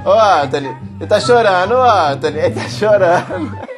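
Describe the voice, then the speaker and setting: A man's voice: sits high, lively intonation, moderate pace, over music. Teasing young man vlogging. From Brazil. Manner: teasing, mocking, often laughing. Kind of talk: casual prank vlog.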